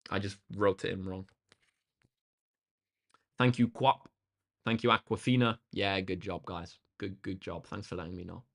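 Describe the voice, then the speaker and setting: A low-pitched, level-toned man tutors maths on a livestream, speaking at normal speed with long pauses. Slightly croaky and tired, he chats informally with viewers, talking to them directly and giving thanks.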